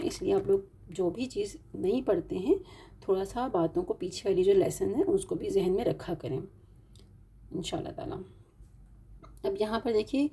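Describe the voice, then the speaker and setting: Female recitation teacher, patient and methodical, dark husky tone. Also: mid-range voice. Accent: Urdu-speaking, Pakistani. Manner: patient, explains step by step, stretches out example words. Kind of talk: online tajweed lesson.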